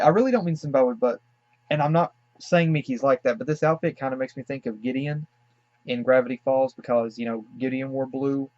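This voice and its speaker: A man from the Southern United States talks through a cartoon he is reacting to, musing aloud with frequent fillers and apologetic asides. His voice sits at an ordinary middle pitch. The recording is dull and lo-fi, with a dry, close sound. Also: no echo. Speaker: cartoon reaction channel host. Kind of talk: casual reaction commentary.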